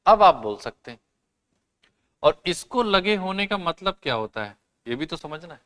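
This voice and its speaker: A man gives a classroom lesson, explaining step by step, posing questions and answering them himself, and sounding out words slowly and carefully. His voice is on the high side, a bit bright, with big swings in pitch.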